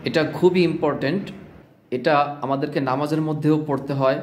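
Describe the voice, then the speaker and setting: Brief: male recitation teacher, slightly high voice, patient and repetitive, slow chanted examples, roomy echo. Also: darkish tone, slight background noise. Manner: explains slowly, repeats sounds, drawls out recited words. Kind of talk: spoken pronunciation lesson with chanted examples.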